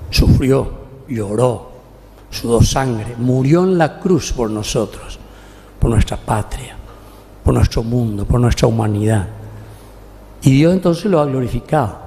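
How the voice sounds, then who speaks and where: A middle-aged Paraguayan priest preaches a homely, chatty sermon and keeps checking in with "¿verdad?". His voice is gravelly and mellow in tone. It rings with the long reverb of a church. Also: medium pitch, unhurried, long pauses. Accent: Paraguayan Spanish. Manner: folksy, often asks "¿verdad?". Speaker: parish priest. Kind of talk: conversational homily at Mass.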